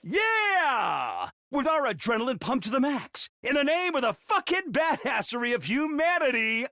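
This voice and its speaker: An actor voicing a loud, foul-mouthed drill-sergeant mascot creature in a game, shouting morning announcements. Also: high-pitched, very animated, normal speed, no room sound, full character voice. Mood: rowdy, pumped. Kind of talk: game voice acting.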